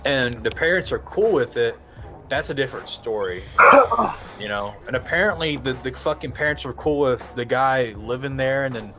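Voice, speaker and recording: A man's voice: medium pitch, animated, normal speed, very noisy. A young man co-hosting a casual podcast, rambling with many fillers and some swearing. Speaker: podcast co-host.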